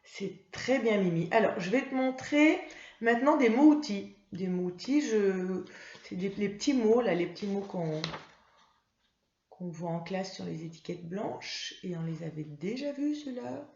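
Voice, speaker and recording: A woman's voice: medium pitch, expressive, a little slow, creaky, darkish tone. A woman teacher giving a reading lesson for young first graders, in a patient, encouraging way. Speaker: primary school teacher. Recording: roomy, slightly dull home recording.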